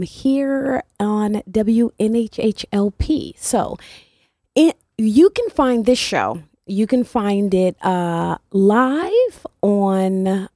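A woman hosts a morning talk show on community radio, rambling a little with frequent fillers as she welcomes listeners. Her voice sits at an average pitch. The studio sound is close and dry. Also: mellow, no room sound. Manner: chatty, with many fillers and restarts.

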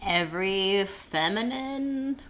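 A woman hosting a podcast in casual chat, chatty and giggly, sometimes talking in quick bursts. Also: mid-range voice, animated, a bit bright. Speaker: podcast host.

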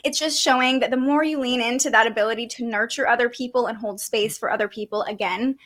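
A woman with a slightly high voice walks a guest through her birth chart. She talks gently and explains as she goes, with soft fillers and light laughs. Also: fairly even intonation, fast talker. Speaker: podcast host reading an astrology chart. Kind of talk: conversational astrology reading.

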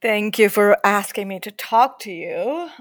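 Here is a woman from India whose accent blends New York and Indian sounds. She speaks at an unhurried, slow pace and in a candid, wry way, laughing easily as a podcast guest. Her voice is dry and close, coming through a video call. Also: medium pitch, expressive, dry recording. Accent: mix of New York and Indian. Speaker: guest, managing director. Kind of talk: casual conversation.

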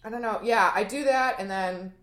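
A young adult woman comedian in a casual interview. She tells stories in an animated way, laughs often and swears now and then. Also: mid-range voice, moderate pace. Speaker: comedian, guest.

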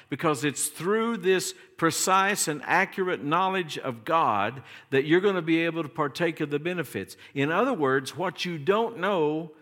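A man with an Appalachian hillbilly accent preaching a teaching sermon, with deliberate, emphatic phrasing that stretches key words. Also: fairly high pitch, fairly bright tone. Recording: reverberant hall sound.

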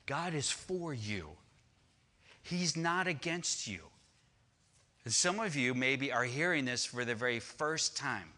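A pastor delivering a sermon in a bright, ringing voice. He speaks slowly and deliberately, repeating key phrases for emphasis and climbing into fervent, rising lists. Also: medium pitch, animated.

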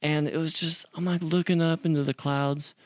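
A man's voice: fairly high pitch, little pitch movement, moderate pace. A young man casually telling a story as an interview guest, acting out quotes with slang and swearing.

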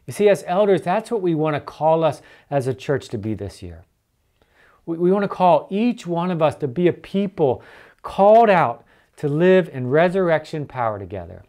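Church elder, earnest preaching, repeats for emphasis, very lively intonation. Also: medium pitch, moderate pace.

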